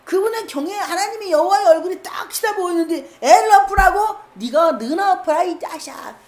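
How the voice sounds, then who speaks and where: A woman's voice: very high-pitched, expressive, brisk, roomy sound, pitched above the performer's own voice. A woman playing a defiant midwife scolding a king. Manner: shouting, scolding, coarse insults.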